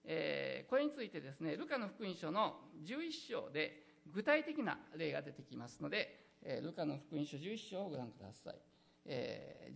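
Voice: mid-range voice, creaky, fairly bright tone, slightly rough. A pastor preaching a sermon in an earnest, exhorting manner, with frequent hesitant fillers.

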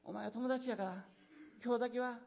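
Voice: mid-range voice, steady tone, brisk, a little mellow, voice pushed up, close to an everyday voice. A preacher acting out, in Osaka dialect, a sleepy friend who grumbles at being woken at midnight. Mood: grudging. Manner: gruff, grumbling, exasperated.

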